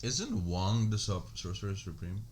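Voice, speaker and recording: A man co-hosting a podcast, chatting casually with blunt, crude jokes and short, flat replies. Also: sits low, moderate pace. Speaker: podcast co-host. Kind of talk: casual chat.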